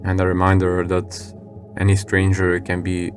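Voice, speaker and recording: A man with a low voice narrates in a scripted, serious way. His delivery is measured and flat in pitch, with music playing underneath. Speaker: narrator of a scary video compilation.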